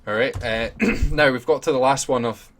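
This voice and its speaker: A man hosting a casual podcast chat, jokey and quick to laugh. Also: mid-range voice, fairly bright tone, a little hiss or hum. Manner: giggly, jokey, laughs often. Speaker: podcast host.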